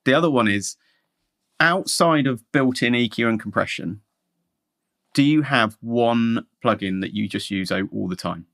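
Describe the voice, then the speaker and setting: A man's voice: medium pitch, measured pace, gravelly, fairly bright tone. A man hosting a podcast, asking guests questions in casual chat with a dry, joking manner. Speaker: podcast host.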